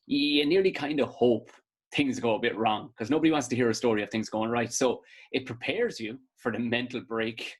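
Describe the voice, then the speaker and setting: Lively Irish man, husky voice. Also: normal speed. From Ireland. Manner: animated storytelling, jumps into high-pitched mock voices. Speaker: comedian guest. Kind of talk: casual podcast chat.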